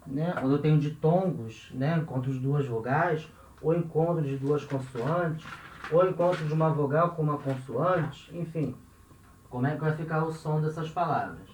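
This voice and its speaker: Slight background noise sits under this roomy, dull lo-fi recording of a Brazilian man teaching a classroom-style language lesson. His voice is a little high and a little mellow, moving at a moderate pace as he patiently repeats example words and checks in with the listener after nearly every phrase.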